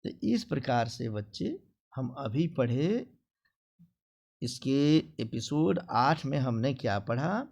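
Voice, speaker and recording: A male teacher explains a grammar lesson to children. He speaks slowly with a gravelly edge, and his pitch rises and falls widely. He acts out example phrases in a sing-song way. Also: big pitch swings, a little mellow.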